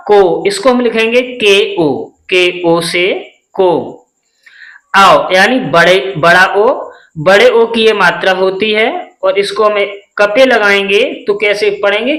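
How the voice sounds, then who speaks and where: Slow, deliberate male teacher in an echoey room. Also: high-pitched, a bit bright. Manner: deliberate, spells letters out one by one and asks the class quick questions. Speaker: English teacher. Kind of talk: step-by-step spelling lesson.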